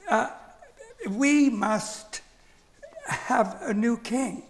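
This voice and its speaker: A wise old elephant elder from a storybook, his voice quavering as he speaks with slow deliberation, put on by a man narrating. He sits high and unhurried, lingering over each word. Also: slight background noise, heavily acted. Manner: slow, with throat-clearing.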